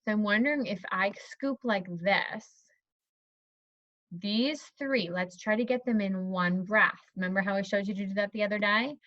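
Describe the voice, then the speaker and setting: A woman teacher demonstrating a phonics lesson to an imagined student, encouraging and modeling words slowly. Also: mid-range voice, fairly bright tone, dry recording. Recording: slightly dull, dry recording.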